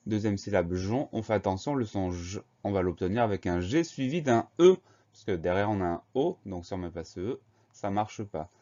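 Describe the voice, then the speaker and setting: A man teaching a spelling lesson, spelling each word slowly and carefully, letter by letter. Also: fairly low pitch, lively intonation, mellow, highs cut off.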